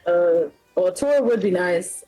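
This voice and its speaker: A woman's voice: fairly low pitch, animated, a little slow, mellow, soft background music, poor audio. A woman playing a tabletop game, talking casually and matter-of-factly. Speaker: player. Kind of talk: tabletop role-play chat.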